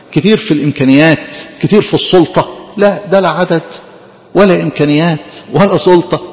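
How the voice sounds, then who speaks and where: A fast-talking Egyptian man delivers a fervent sermon, his fairly high voice climbing into emphatic bursts. He calls the congregation his dear ones. A long reverb rings around him in a church hall. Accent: Egyptian Arabic. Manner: fervent, rising to emphatic outbursts; addresses listeners as dear ones. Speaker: preacher.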